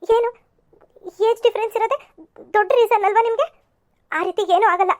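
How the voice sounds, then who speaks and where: A woman's voice: very high voice, steady tone, fairly quick, darkish tone. A woman voicing a stubborn, lovesick young woman in an amateur cartoon serial, pleading and often tearful.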